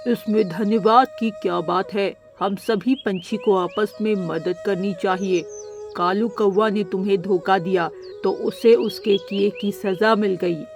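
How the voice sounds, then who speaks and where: A woman voicing a calm, kindly male parrot in a cartoon, speaking in a reassuring way. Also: mid-range voice, unhurried, music in the background, pitched below the performer's own voice, close to an everyday voice.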